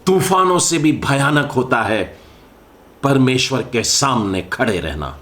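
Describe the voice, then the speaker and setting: Slow, deliberate Hindi-speaking preacher man. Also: medium pitch, expressive, fairly bright tone. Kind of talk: sermon.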